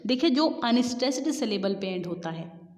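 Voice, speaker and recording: Woman tutor, casual exam-prep lesson, slightly high voice, long room reverb. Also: animated, a little mellow. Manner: chatty, addresses viewers as guys, reads questions slowly. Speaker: English literature teacher. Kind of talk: exam-prep lesson in Hindi-English mix. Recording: dull lo-fi sound with long reverb.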